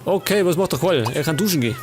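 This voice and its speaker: A fairly high-voiced man with a Bavarian accent, talking his way through a game at home. He chats and grumbles at the characters as he plays, with a faint hiss of noise behind him. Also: expressive, rapid-fire. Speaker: let's play host. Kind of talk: casual gameplay commentary.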